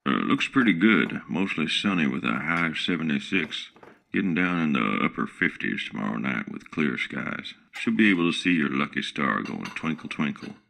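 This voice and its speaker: In this comic radio play, an actor voices a self-promoting, middle-aged male smart home assistant styled like a folksy country singer who keeps boasting of his titles. The pitch is extremely low, the delivery animated, forceful, bright and creaky at a moderate pace, fully in character.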